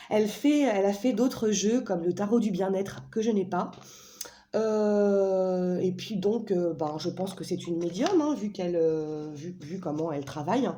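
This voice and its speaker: Femme bavarde au timbre doux. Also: female voice, mid-range voice, expressive, unhurried, mellow, a little hiss or hum. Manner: chatty, playful, frequent fillers and self-corrections. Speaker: vlogger presenting an oracle deck. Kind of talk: casual chat.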